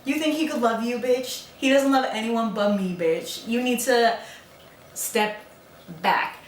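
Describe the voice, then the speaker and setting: A woman's voice: mid-range voice, moderate pace, fairly bright tone, a little hiss or hum, lightly acted. Woman doing bratty Kathy, snotty and roomy. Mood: taunting. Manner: snotty, sarcastic. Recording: roomy, from a distance.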